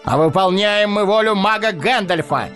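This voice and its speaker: A man's voice: mid-range voice, lively intonation, normal speed, faint music behind, close to an everyday voice. An actor playing a noble warrior and heir to a throne who speaks solemnly and declaims his lines. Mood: commanding. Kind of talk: audio drama acting.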